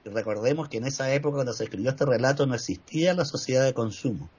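A man telling an old tale in an unhurried, dramatic way, with a husky voice. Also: mid-range voice, a little mellow. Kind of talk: storytelling. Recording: slightly muffled recording.

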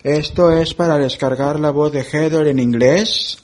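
A man presenting a relaxed tutorial, explaining app settings step by step and thinking aloud as he goes. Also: a little high, a little slow. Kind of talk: screen-reader app walkthrough.

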